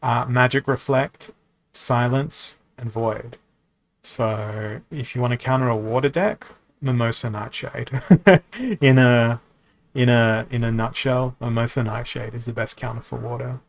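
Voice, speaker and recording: Chatting casually on a card-game live stream, a male host speaks unhurriedly with vocal fry in a mid-range voice, and there is no echo. He rambles through viewer questions, reading each aloud and answering, full of ums and restarts.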